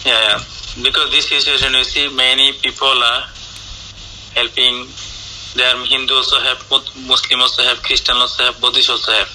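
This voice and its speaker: A man with a Bangladeshi accent talks in broken, repetitive English, restarting his sentences as he goes. His voice is very bright and forceful. A faint noise sits under him. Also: mid-range voice, flat delivery, low-quality recording. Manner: halting, repetitive non-native English. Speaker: interviewee. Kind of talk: casual phone chat.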